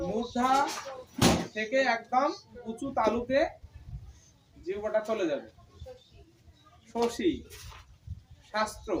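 A woman with a Bengali accent teaching pronunciation to a class, patiently repeating words slowly for students to copy. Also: a little high. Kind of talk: classroom lesson. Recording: distant mic in a room with a class audible.

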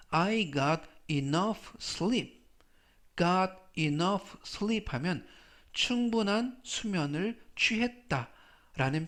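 Slow, patient man teaching vocabulary. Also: fairly high pitch, a bit bright. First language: Korean. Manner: patient, repeats each word slowly three times. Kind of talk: slow, careful vocabulary lesson.

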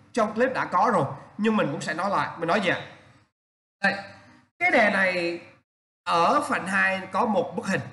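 A man's voice: high voice, pushed and bright, reverberant. A man teaching an exam-prep lesson, stressing points by repeating them and asking rhetorical questions.

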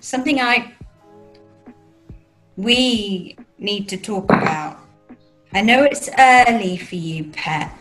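A woman's voice: medium pitch, takes it slowly, long pauses, a bit bright, faint music behind. A woman playing a fussing, coaxing British mother in a rehearsed script reading over a video call. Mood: tentative, gentle. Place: small room at home, video call.

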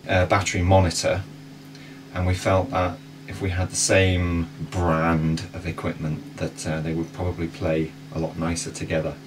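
Sailing vlogger, thirties, very low voice, plain step-by-step explainer, picked up by a distant camera with steady noise. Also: male voice. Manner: relaxed, practical, explains step by step. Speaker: sailing vlog host. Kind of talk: casual explainer. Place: inside a sailboat cabin. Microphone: wide camera across a table.

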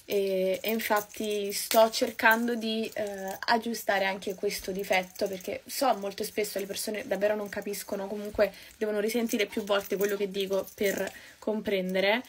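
A young woman from Naples, chatting quickly and casually to her viewers while doing her makeup. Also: medium pitch, level tone, slight background noise. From Naples, Italy. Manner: fast-talking, chatty, addresses viewers as "raga". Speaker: beauty vlogger. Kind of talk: casual get-ready-with-me chat.

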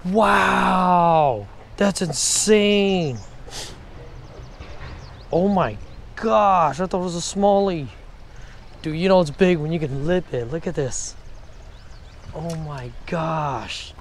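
A man fishes by a shallow river and talks excitedly to the camera, slangy and exclaiming as he goes. His voice is a little high and gravelly, and he speaks slowly with frequent pauses. The fishing vlogger's clip comes from an outdoor action camera, with background noise.

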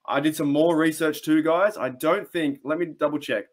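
A man's voice: a little high, steady tone, moderate pace. A young Australian man chats enthusiastically to his webcam about his team, often restarting his sentences and wandering into asides. He talks from a small room at home into a desk mic, in a loose, casual commentary style. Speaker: sports channel host. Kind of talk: casual fan commentary to camera.

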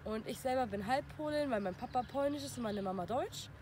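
A woman's voice: fairly high pitch, fairly quick, darkish tone, a little hiss or hum. A seventeen-year-old girl introducing herself outdoors in an easygoing way. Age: teens. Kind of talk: casual self-introduction. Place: outdoors on a path.

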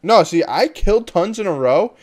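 A man's voice: high-pitched, animated, normal speed, a little mellow, dry recording. A man hosting a casual multiplayer game session, talking his friends through the controls with lots of "um". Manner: guides the others through the controls, often with "um". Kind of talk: casual gaming chat.

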